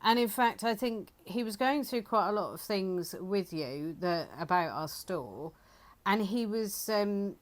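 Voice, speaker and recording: Co-hosting a reselling channel, this British woman chats casually, leaning on lots of fillers and reading excerpts from a report. She speaks at a medium pitch, animated but measured, with hardly any pauses.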